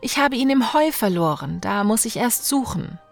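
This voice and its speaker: A woman's voice: on the high side, lively intonation, moderate pace, gravelly, faint music behind. A woman voicing a frightened young wife in mortal danger who pleads and cries out in panic. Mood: flustered. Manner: flustered, pleading, crying out.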